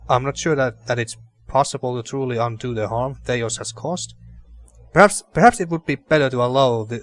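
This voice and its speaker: A man hosting a let's play, commenting and reading game text aloud, often repeating and rephrasing himself. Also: medium pitch.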